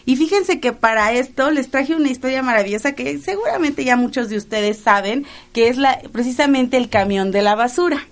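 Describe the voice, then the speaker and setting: A woman's voice: high-pitched, animated, a little fast, hardly any pauses. A woman, co-hosting a casual chat and reading a short fable aloud with emphasis. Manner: warm-voiced storyteller, reads a fable aloud with emphasis. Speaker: co-host.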